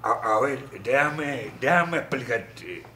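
A man's voice: medium pitch, big pitch swings, takes it slowly, sharp tone, echoey room, a little hiss or hum, full character voice. A man playing a streetwise fixer who talks persuasively, spinning stories with sound effects. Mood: scheming.

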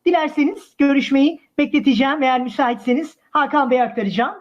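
A woman acting as a female tour sales agent over the phone, high-voiced and politely stubborn. She uses formal service patter on a muffled line. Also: close to an everyday voice. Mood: polite, insistent. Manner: formal customer-service patter with hesitant pauses. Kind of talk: prank call role-play. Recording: muffled phone call audio.

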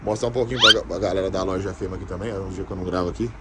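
A man's voice: deep voice, steady tone, racing, a loud crowd. A man in his thirties vlogging on a phone held at arm's length, joking and rambling in slang. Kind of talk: casual vlog chat. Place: outside a shop at dusk, then inside.

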